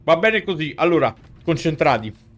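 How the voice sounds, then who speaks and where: A Roman-accented man in his thirties streams video games, giving casual, colloquial live commentary into a headset mic from a gaming setup in an indoor room, with game music behind him. His voice is on the high side and a bit bright, with big pitch swings at normal speed.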